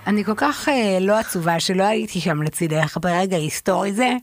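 A woman co-hosting a podcast in casual chat, teasing in a dry, deadpan way. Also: medium pitch, faint music behind. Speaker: podcast co-host.

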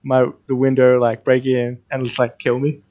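A man's voice: mid-range voice, completely flat delivery, moderate pace, darkish tone, highs cut off. A man co-hosting a radio show, telling a story in casual chat with lots of "like" fillers. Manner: rambling, many "like" fillers.

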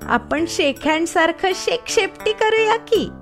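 A woman voicing a small, playful, greedy female pig in a storybook, with a squeaky, high sing-song voice. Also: lively intonation, slow, soft background music, exaggerated voice.

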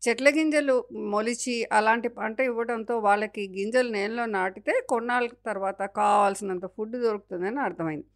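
A woman's voice: fairly high pitch, moderate pace, lightly acted. A woman voicing the forest as a caring, motherly spirit in a storybook tale, explaining things patiently. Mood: telling. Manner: explaining patiently, sometimes angry.

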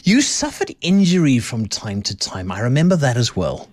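A man's voice: medium pitch, wildly swooping pitch, moderate pace, darkish tone, no echo, studio quality. A South African man hosting a radio sports talk show, chatty and enthusiastic. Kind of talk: radio interview.

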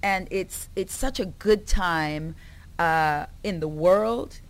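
Caribbean-born woman, publicist guest, chatty, laughs a lot, lowish voice. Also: takes it slowly. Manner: animated, laughing, repeats herself. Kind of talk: conversational interview.

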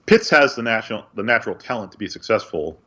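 A sports podcast co-host with a lowish voice reads the news and chats casually, his delivery dry and wry. He sounds animated, quick, pushed, and bright, and the recording has a dull lo-fi quality.

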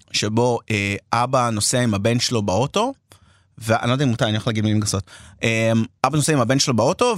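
A man, co-hosting a casual chat and telling animated stories. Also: medium pitch, no room sound, clean studio sound. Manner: animated storyteller, quotes people in raised voices. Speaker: podcast co-host.

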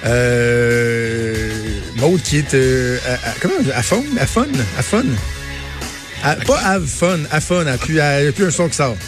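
A man's voice: mid-range voice, lively intonation, slow pace, over music. A man in his thirties with a Quebec French accent, hosting casual talk radio and often repeating words as he thinks. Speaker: radio host.

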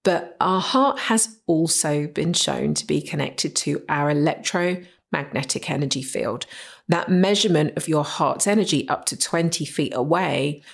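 A woman's voice: sits low, unhurried, vocal fry. A woman hosting a solo podcast, explaining ideas with enthusiastic emphasis and rhetorical questions. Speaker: podcast host.

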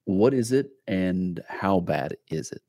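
A man hosting an interview podcast, asking measured, probing questions. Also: low-pitched, expressive, warm tone. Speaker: podcast host.

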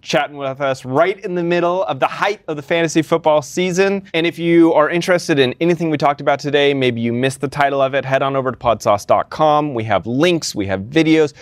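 Relaxed man podcast co-host, dry sound. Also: a little high, brisk, few pauses, no echo. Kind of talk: casual podcast chat.

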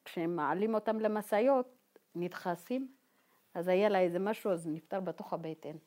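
Woman from Ethiopia, personal testimony, halting and informal, slightly low-pitched. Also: dark tone. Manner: halting and informal, many fillers, acts out remembered dialogue. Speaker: guest telling her life story. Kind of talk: personal testimony told to a group.

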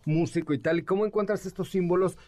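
A man's voice: sits high, fairly even intonation, quick pace, mellow. A middle-aged man with a Mexican accent, hosting a casual radio interview with teasing banter. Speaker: radio host. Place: radio studio booth.

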